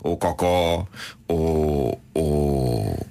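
A man's voice: extremely low pitch, lively intonation, extremely slow, gravelly, warm tone, a little hiss or hum. A man co-hosting a casual morning radio show, speaking with a stuffed-up nose and hesitating and repeating words as he thinks. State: blocked nose. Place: radio studio.

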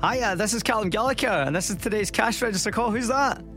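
A man's voice: high-pitched, quick pace, over loud music. A man with a Scottish accent hosting a radio phone-in prize call, teasing the caller and reassuring her as he builds up the moment. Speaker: radio host.

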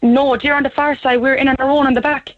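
A young Irish woman on a tinny phone line, talking fast as she calls in to a radio show. She sounds anxious and shaken, and she pleads and circles back to the same phrases. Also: high-pitched, little pitch movement. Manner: pleading, repeats "to be honest". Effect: heard over a phone line. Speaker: caller.

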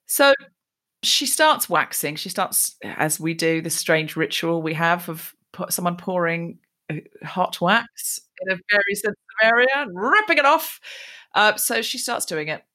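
A woman raised in Australia, a guest telling animated stories in conversation. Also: fairly low pitch, unhurried. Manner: animated, lively anecdotes. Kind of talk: conversational storytelling.

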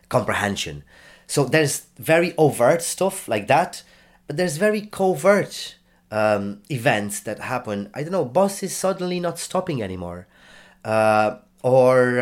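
Hesitant man choosing words carefully. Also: fairly low pitch. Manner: hesitant, many fillers and restarts, diplomatic. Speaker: caseworker. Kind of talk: documentary interview.

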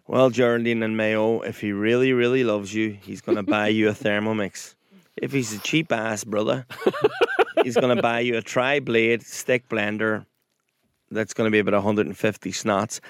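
A man's voice: on the low side, lively intonation, moderate pace, clean tone, no room sound, studio quality. A man with an Irish accent from Donegal, co-hosting a podcast with slangy, jokey casual banter. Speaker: podcast co-host.

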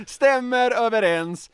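A young Swedish man co-hosting a podcast, talking in an emphatic, animated way and laughing often. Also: very high-pitched, clean tone. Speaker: podcast co-host. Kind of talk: casual podcast chat.

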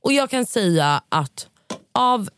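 A woman's voice: mid-range voice, very animated, a little hiss or hum. A woman co-hosting a casual chat, blunt and outspoken, swearing as she argues her point. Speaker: podcast co-host.

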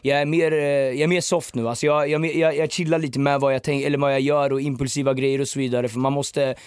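A man's voice: mid-range voice, flat delivery, a little mellow, clean tone, no room sound, clean studio sound. A man guesting on a podcast, talking in a laid-back way full of fillers and slang. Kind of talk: casual chat.

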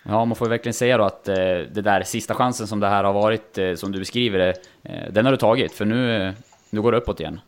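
A man with a very low voice leads the interview. He asks questions in a measured way, leaning on fillers between phrases.

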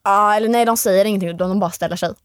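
The clip offers clean studio sound with no room sound: a young woman speaking at a medium pitch, a former reality show contestant guesting in an interview. She tells her story with lots of energy, acting out what others said.

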